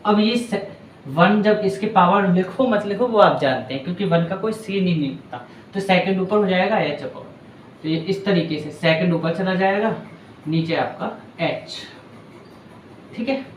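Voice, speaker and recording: A man with a fairly high voice explains a physics problem step by step, in a patient and chatty way that keeps checking in with his students. The room is roomy and echoey, with a faint hiss of noise underneath. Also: unhurried. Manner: patient, chatty, addresses students as bhaiya and beta. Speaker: physics teacher. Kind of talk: board lesson explaining a numerical.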